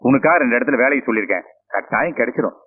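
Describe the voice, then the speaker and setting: A man's voice: medium pitch, expressive, rapid-fire, noisy background, lightly acted. An actor playing a fatherly man who reassures and encourages a younger man. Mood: reassuring. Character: kindly older patron. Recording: phone-like band with film music.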